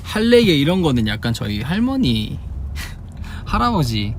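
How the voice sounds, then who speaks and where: His voice sits on the high side and moves a little slowly as he chats casually on his livestream. The young idol host from Busan, South Korea, answers fans and demonstrates dialect phrases in a Busan Gyeongsang Korean accent, over constant car noise.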